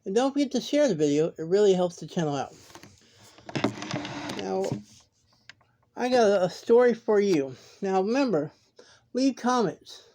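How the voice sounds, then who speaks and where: A woman's voice: medium pitch, moderate pace, long pauses, background noise. A woman hosting a horror story channel, chatting casually to viewers and often starting with "now". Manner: relaxed, chatty, repeats "now".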